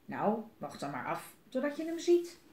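A woman's voice: a little high, huge pitch swings, moderate pace, darkish tone. A woman voicing a small, clever, boastful mouse in a children's storybook reading, with a cheeky, self-assured manner. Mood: cocky. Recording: roomy echo.

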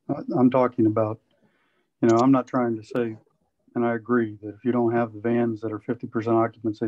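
Man clarifying his point on a call, kinda muffled audio, insistent. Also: mid-range voice. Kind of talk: video call meeting discussion. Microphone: video call.

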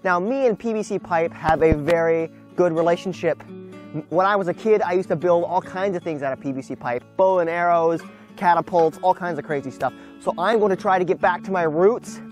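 Speaking a little fast in a high-pitched, darkish voice, this young adult American creator talks emphatically to camera in a casual vlog as he shows off a build. He's outdoors near a wooden barn and a gravel drive, with faint music playing behind him.

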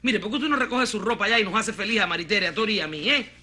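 Actress playing a blunt, mocking Cuban housewife. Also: female voice, medium pitch, rapid-fire, sharp tone, lightly acted. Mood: scornful. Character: blunt scornful middle-aged housewife, bossy. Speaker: sharp-tongued mother-in-law. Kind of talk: telenovela acting.

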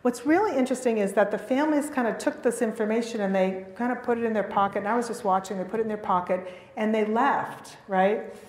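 A woman's voice: on the high side, quick pace. Middle-aged woman giving a keynote at a podium, earnest, restarts a lot, big echoey hall. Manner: earnest and animated, with frequent restarts. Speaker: keynote speaker. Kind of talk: conference talk. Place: large auditorium at a podium. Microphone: podium mic. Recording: echoey hall with long reverb.

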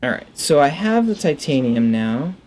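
With a fairly high pitch that swings widely, a man in his thirties delivers casual let's play commentary at normal speed through a headset, his tone a little mellow. As a gaming video host, he mutters to himself and reads game text aloud, with a bit of hiss or hum in the audio.

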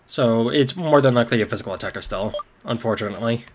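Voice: medium pitch, fast, a little hiss or hum. A gaming video host giving casual playthrough commentary and reading on-screen text aloud, with game music behind.

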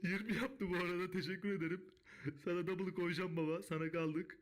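A man streaming live blackjack, talking to his chat, swearing a lot and breaking into excited shouts. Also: high voice, fairly quick, slight background noise. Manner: profane, bursts into excited shouting.

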